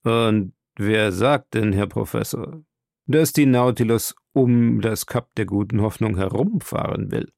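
A man reading the part of a stern, proud male submarine captain in an audiobook, speaking in a calm, measured and commanding way. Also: lowish voice, gravelly, no echo, studio quality.

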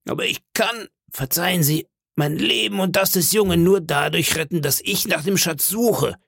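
Man doing a gravelly old pirate cook, wily. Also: high-pitched, moderate pace, fairly bright tone, no room sound, clean studio sound, voice pushed up, full character voice. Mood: wheedling. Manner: ingratiating, bargaining tone. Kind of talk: audiobook reading.

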